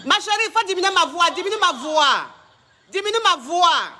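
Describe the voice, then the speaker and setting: A man's voice: very high-pitched, lively intonation, normal speed, sharp tone. A man hosting a live call-in advice stream, flamboyant and theatrical, teasing his callers and drawling grandiose boasts. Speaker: live call-in coach host.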